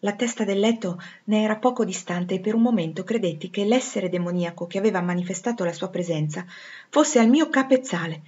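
A woman reads a classic novel aloud with dramatic flair, dropping nearly to a whisper at tense moments. Her voice sits at a middling pitch. The recording sounds a bit dull and lo-fi. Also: brisk, a little mellow. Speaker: audiobook reader. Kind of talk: expressive literary reading.

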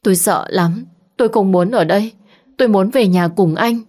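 A woman's voice: mid-range voice, normal speed, darkish tone, close to an everyday voice. Tearful frightened young wife, as a woman narrator voices her. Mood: terrified. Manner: sobbing, pleading.

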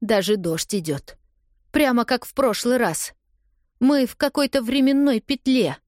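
A woman's voice: medium pitch, expressive, unhurried, no room sound, clean studio sound, pitched above the performer's own voice, natural voice. A woman voicing a hurt, accusing young woman. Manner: raised, pleading, accusing. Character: upset young woman confronting her lover. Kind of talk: audiobook dialogue reading.

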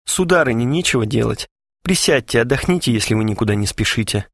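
A man's voice: mid-range voice, animated, quick pace, husky, no room sound. A man reading an audiobook, voicing a stern, serious young man who speaks in a dry, curt way.

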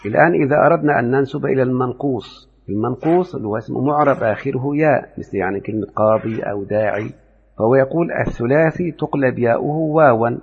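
A man's voice: medium pitch, quick pace, a little hiss or hum. A man from Upper Egypt with an Egyptian Arabic accent, lecturing on Arabic grammar and explaining step by step while quizzing his students. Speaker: grammar teacher. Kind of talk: classroom lecture on Arabic morphology. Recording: phone-like audio with long reverb.

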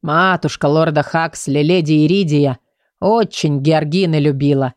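A woman voicing an old male gardener, humble and devoted, speaking in an emotional, halting way. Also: deep voice, dry recording, voice pushed down. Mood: tearful.

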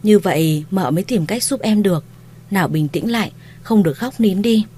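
A woman voicing a kind, shrewd young mistress of a household, speaking in a gentle, coaxing, reassuring way. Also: mid-range voice, animated, normal speed, slight background noise, natural voice.

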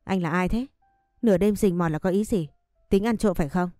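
Woman reading as a shy polite teenage maid, mellow, dry read. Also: fairly low pitch, a little fast, dry recording, soft background music, natural voice. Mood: indignant. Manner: polite, deferential.

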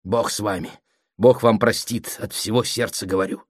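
A man's voice: fairly low pitch, steady tone, normal speed, husky, dry recording, clean studio sound. A man doing a reproachful, aggrieved sister. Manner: reproachful, pleading. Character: aggrieved unmarried sister, middle-aged woman. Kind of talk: audiobook reading.

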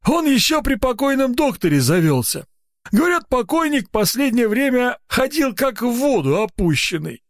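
Shrill toothless old watchman, mumbling, superstitious and grouchy; audiobook character. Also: big pitch swings, heavily acted. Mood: grumbling. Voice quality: mumbling, lisping through a toothless mouth. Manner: shrill, quick to panic.

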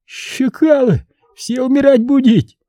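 A man voicing a furious wounded young male avenger who shouts in broken speech. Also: extremely high pitch, steady tone, a little slow, no echo, clean studio sound, pitched above the performer's own voice. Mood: snarling, hostile.

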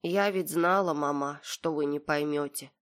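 A woman voicing a stubborn young girl who speaks in a flat, indifferent monotone. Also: deep voice, normal speed, close to an everyday voice.

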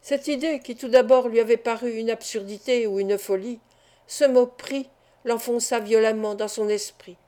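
A woman reading a novel aloud at an even, measured pace. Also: on the high side. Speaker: audiobook reader. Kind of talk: scripted narration.

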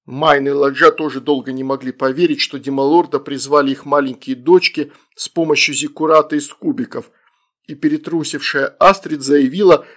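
A man narrating a humorous fantasy audiobook with lively character reading. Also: mid-range voice.

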